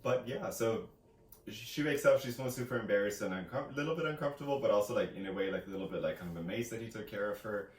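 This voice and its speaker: A man with a lowish voice talks fast, co-hosting a book discussion vlog and casually retelling a novel's plot. His storytelling is rambling and hesitant, with characters quoted in offhand asides. The room echoes and there's faint background noise.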